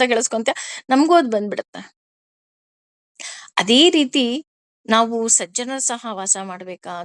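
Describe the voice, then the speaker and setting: A woman teaches scripture, taking Sanskrit verses line by line and explaining them through everyday examples. Her voice sits fairly high, and she keeps asking her listeners questions. The recording is dry and close. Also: no room sound. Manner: lively, asks listeners questions. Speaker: spiritual teacher. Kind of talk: discourse on scripture.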